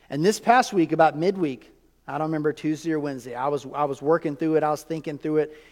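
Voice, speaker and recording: A man delivers a sermon in a high, ringing voice that carries a long hall echo. He preaches with animated emphasis, then drops to hushed, near-whispered lines. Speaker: pastor.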